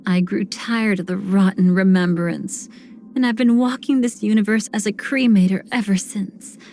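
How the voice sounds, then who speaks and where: An actress playing a seductive, sinister woman cremator in a video game, speaking in a languid, theatrical way with breathy, whispered phrase endings. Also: mid-range voice, warm tone, a little hiss or hum, lightly acted. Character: seductive, sinister woman cremator who savors betrayal and decay. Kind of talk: video game character voice lines.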